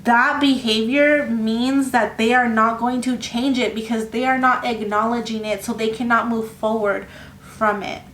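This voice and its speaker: A woman giving a casual tarot reading, talking in a rambling, halting way with many fillers and restarts. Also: a little high, flat delivery, a bit bright, a little hiss or hum. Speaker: tarot reader. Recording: echoey room with faint ambience.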